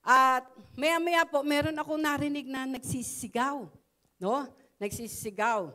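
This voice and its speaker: A woman's voice: high voice, measured pace, pushed and bright. A middle-aged Filipino woman giving a chatty spoken testimony in church, full of fillers and "no?" tags. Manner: conversational, frequent "no?" tags and fillers.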